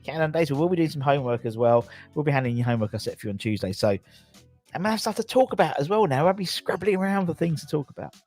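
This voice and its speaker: A man's voice: on the high side, expressive, rapid-fire, darkish tone. Chatty southern English man with music behind. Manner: chatty, rambling, jokey, repeats himself. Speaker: host of a football fan channel livestream. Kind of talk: casual livestream chat to viewers.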